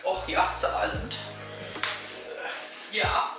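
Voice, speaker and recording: Playful man far off in an echoey room. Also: slow. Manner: playful, loud jokes. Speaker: card game player. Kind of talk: casual game banter. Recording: roomy echo from far off, music behind. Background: music.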